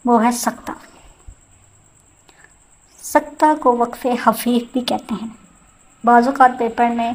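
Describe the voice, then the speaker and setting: A woman's voice: on the high side, a little mellow, slight background noise, poor audio. A woman teaching a grammar lesson, explaining each point step by step with spoken examples.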